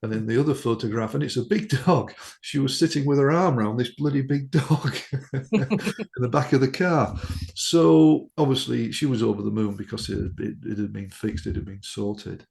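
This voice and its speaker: A man's voice: medium pitch, moderate pace, gravelly, a little mellow. A man, a hypnotherapist, telling a case story on a podcast in an anecdotal way, with frequent ums and restarts.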